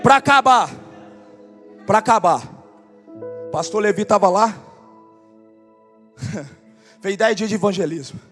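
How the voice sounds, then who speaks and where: A male pastor telling testimonies in a sermon, animated, acting out the dialogue and building to shouts. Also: sits high, takes it slowly, long pauses, long reverb tail, faint music behind. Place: church conference.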